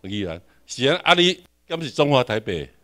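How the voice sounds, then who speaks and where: A man's voice: mid-range voice, sing-song, moderate pace, fairly bright tone. A man with a Taiwanese accent giving a classroom lecture, questioning the audience and repeating his points.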